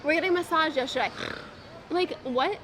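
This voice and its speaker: A woman's voice: high-pitched, fairly quick, crowd noise. A woman in her twenties chatting casually in a couples Q&A, giggly and tipsy as she playfully bickers. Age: 20s. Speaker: girlfriend in couples Q&A vlog.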